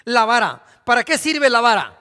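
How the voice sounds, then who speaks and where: A man's voice: very high voice, sing-song, normal speed, bright, forceful tone, smooth. A man preaching a sermon as pastor, asking his congregation questions. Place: church. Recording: reverberant church hall.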